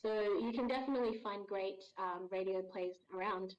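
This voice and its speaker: On a relaxed podcast, this voice actor from Ghana talks warmly and thoughtfully, laughing easily, in a mid-range voice at a normal pace. The recording is dull, lo-fi audio.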